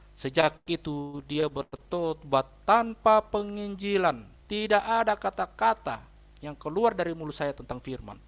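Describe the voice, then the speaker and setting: A fairly high, fairly bright male voice with vocal fry carries this sermon. The pastor recounts something from his own life with strong emphasis, frequently turning to address his listeners as brothers and sisters.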